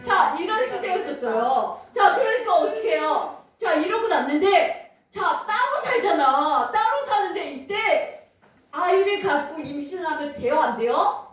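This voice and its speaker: A woman leads a children's sermon, animated and quick to quiz her young listeners, often laughing. Her high voice leaps about expressively, picked up from a distance in a very echoey church hall. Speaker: children's Sunday school teacher.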